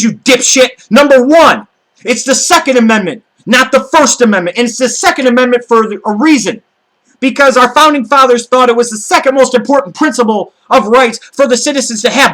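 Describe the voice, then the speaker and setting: A man's voice: very high-pitched, sharp tone, rough recording. An American man delivering an angry, profane political rant to camera, stressing his words heatedly. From United States. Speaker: video blogger.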